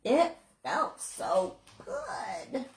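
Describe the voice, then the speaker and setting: A woman who is a children's book author, reading her picture book aloud in a playful, expressive way. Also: high voice, very slow. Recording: roomy echo.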